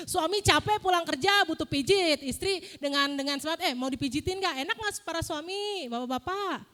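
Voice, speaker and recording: A young woman giving a casual, lively sermon in a church, often asking the congregation questions. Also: extremely high pitch, normal speed. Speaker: preacher.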